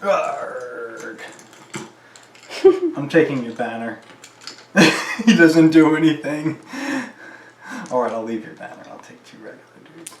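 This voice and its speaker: A man's voice: on the high side, expressive, normal speed, pauses often, echoey room. A man playing a tabletop wargame, counting dice aloud and talking casually to viewers as he plays. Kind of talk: casual play-by-play of a tabletop battle.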